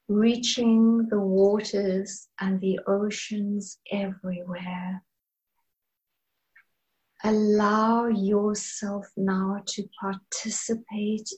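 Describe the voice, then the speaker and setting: A woman leading a guided meditation in a soft, soothing, breathy manner, leaving long pauses between phrases. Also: mid-range voice, poor audio. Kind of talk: slow guided meditation narration.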